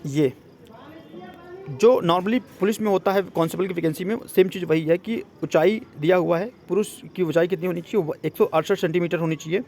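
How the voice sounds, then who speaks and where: A man with a high, brisk, slightly mellow voice coaches for exams and casually explains a job notice. He mixes in English words and keeps checking that listeners are following, with a little background noise.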